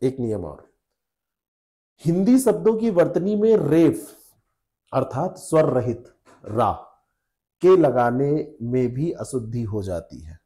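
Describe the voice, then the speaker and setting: Slow, mellow-voiced male Hindi tutor. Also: mid-range voice, big pitch swings. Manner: patient, repeats each rule, checks with "है ना". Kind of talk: spelling lesson for exam students.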